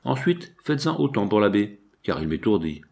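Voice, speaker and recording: A man reading an audiobook voices a burly male sergeant who leads a band of thieves, speaking gruffly with commanding orders. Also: lowish voice, big pitch swings, moderate pace, a little mellow.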